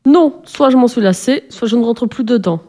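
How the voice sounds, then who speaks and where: A woman voicing a haughty, bossy rich lady who scolds her young maid in shrill, trumpeting tones. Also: moderate pace, mellow, lightly acted. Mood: scolding.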